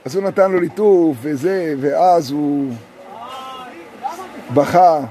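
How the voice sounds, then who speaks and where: A male rabbi teaching a group in a sukkah. He tells a story, chants verses slowly and keeps asking his listeners questions. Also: fairly high pitch, warm tone.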